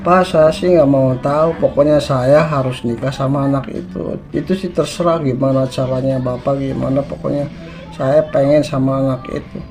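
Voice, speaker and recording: A man's voice: mid-range voice, steady tone, normal speed, a little mellow, faint music behind, close to an everyday voice. A man voicing a stubborn young man set on marrying a girl. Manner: stubborn, insistent.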